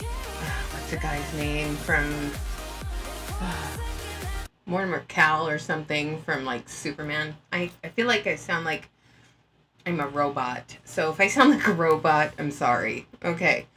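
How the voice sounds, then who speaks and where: A woman's voice: low voice, very animated, a little slow, sharp tone, soft background music. A woman giving casual, blunt and dismissive commentary, talking through an earbud mic. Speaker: anti-MLM commentator.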